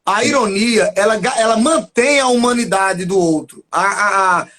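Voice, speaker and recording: A man's voice: high-pitched, moderate pace, bright, forceful tone. A man with a Brazilian Portuguese accent, a teacher chatting on a live stream, who jokes and chimes in with short agreements. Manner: joking, then chiming in with short agreements. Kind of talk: casual chat on a live stream.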